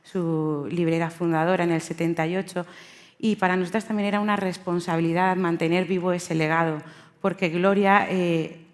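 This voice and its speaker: A woman's voice: on the low side, flat delivery, moderate pace. A woman bookseller speaking on a panel, hesitant, with many fillers and restarts. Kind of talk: panel talk. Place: event hall.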